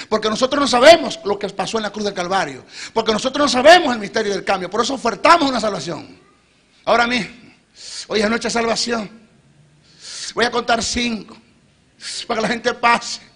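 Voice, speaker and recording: Emphatic preacher with a bright, high voice. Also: male voice, expressive, fast. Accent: Venezuelan Spanish. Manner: emphatic, rising to shouted peaks, asks the congregation questions. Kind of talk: sermon. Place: church.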